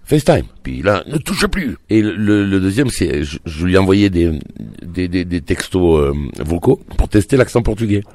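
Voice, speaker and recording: Un acteur qui raconte des anecdotes de tournage avec entrain et humour, lors d'une interview de promotion. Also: male voice, low-pitched, normal speed. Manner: animated, jokey storyteller. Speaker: actor. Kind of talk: press junket chat.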